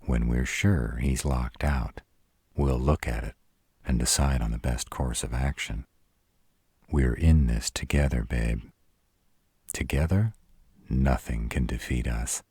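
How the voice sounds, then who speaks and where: In a roleplay audio drama with clean, echo-free studio sound, a man plays a protective, devoted yet brash were-dragon lover. His exaggerated voice is rumbling, low, darkish and husky with fairly even intonation, and he speaks slowly and bluntly, crude-tongued but tender and affectionate toward his partner.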